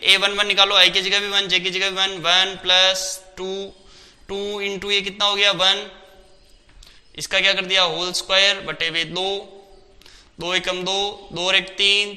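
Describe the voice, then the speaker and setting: A man's voice: sits high, pushed and bright, in a large hall. A man teaching a maths lesson step by step, asking questions and answering them himself.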